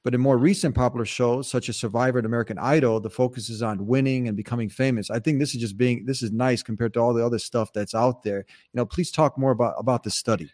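A man's voice: mid-range voice, fairly even intonation, fast talker, few pauses, darkish tone. A man hosting an interview, asking questions in a conversational way and reading passages aloud to his guest.

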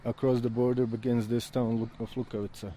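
A man explaining things casually as a local guide, a little haltingly, repeating words. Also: medium pitch, little pitch movement, warm tone. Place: outdoors in a town street. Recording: faint outdoor street and traffic noise.

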